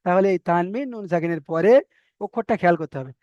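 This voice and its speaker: A man teaching an online Quran recitation lesson, spelling out letters slowly and rattling off repeated rules quickly. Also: sits high, darkish tone, dry recording, lo-fi sound.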